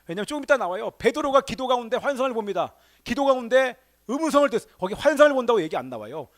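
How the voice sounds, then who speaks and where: A male pastor preaching a Sunday sermon in a church, firing rhetorical questions at the congregation and swinging between emphatic exclamations and hushed asides. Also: very high-pitched, sing-song, fast talker. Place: church sanctuary.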